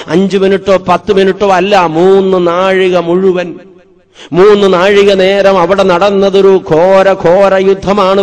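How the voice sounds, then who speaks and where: A man's voice: high-pitched, a little mellow. A man, a priest, preaching a sermon as a vivid, dramatic story with emphatic repetition.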